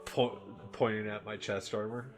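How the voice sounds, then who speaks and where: A male tabletop player slowly describing his character's actions in a halting, easily amused way. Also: on the low side, level tone, soft background music.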